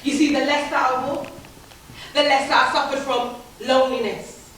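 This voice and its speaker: Actress playing a haunted young woman, high voice, slow, rhythmic rhyming spoken word, theatre monologue, distant echoey hall. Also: steady tone, fairly bright tone, a little hiss or hum. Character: young woman haunted by abuse, bitter and defiant. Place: theatre stage. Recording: echoey hall, taped from far off.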